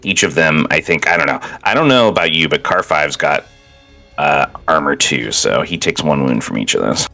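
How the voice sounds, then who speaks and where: A man running a tabletop game as game master, making easygoing rulings and narrating scenes in a relaxed way. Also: rumbling low, normal speed, gravelly, soft background music.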